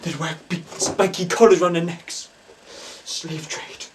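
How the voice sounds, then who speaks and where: A man playing a hammy spoof psychic medium who speaks in halting, dramatic whispers and gasps in a comic mock documentary. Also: a little high, fairly even intonation, recorded from a distance, a little hiss or hum, lightly acted. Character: hammy male stage psychic, breathy and theatrical.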